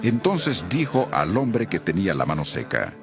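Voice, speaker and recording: A man narrating a Bible reading in a solemn, expressive scripted style. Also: sits low, normal speed, over music.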